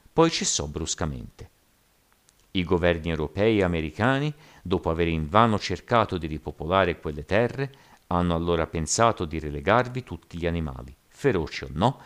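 A man voicing a stern older sea captain, explaining things in a measured way, in an audiobook reading. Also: deep voice.

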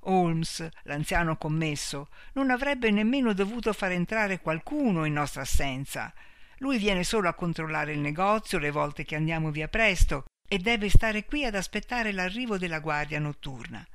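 A man's voice: high-pitched, expressive, normal speed, fairly bright tone, clear, resonant tone, dry recording, studio quality. A man voicing a polite young woman shopkeeper who is easily upset, speaking in a raised, fluttery voice for an audiobook. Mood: puzzled.

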